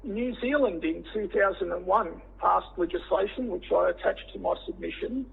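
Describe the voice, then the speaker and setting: Aussie guy giving formal evidence, frog voice, really croaky and hoarse, halting, tinny teleconference audio. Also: high voice. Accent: Australian. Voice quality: croaky, froggy, husky voice. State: hoarse after throat surgery. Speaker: witness, director of a tyre safety body. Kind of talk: formal testimony to a committee. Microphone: phone or teleconference line. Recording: tinny, band-limited teleconference line.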